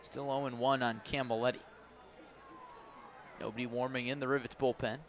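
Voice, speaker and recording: A man with a medium-pitched, level voice calls live baseball play-by-play on the radio at a moderate pace, describing the game and raising his voice when the action picks up. He's outdoors at a ballpark, with some chatter and outdoor ambient noise behind him.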